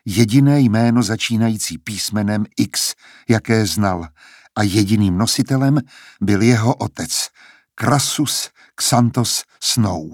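A man reading an audiobook as narrator in a calm, steady storytelling manner. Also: lowish voice, no room sound, clean studio sound. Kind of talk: scripted narration.

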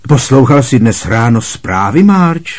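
Casting: a man doing an eager fussy uncle, pitched up, brisk, husky tone, storybook reading. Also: big pitch swings. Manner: brisk, placating, quick to change the subject.

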